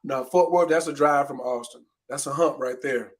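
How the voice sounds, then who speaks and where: A man's voice: mid-range voice, fairly even intonation, moderate pace. A man hosting a casual livestream, easygoing and greeting viewers in the chat. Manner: easygoing, gives viewers shout-outs. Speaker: host.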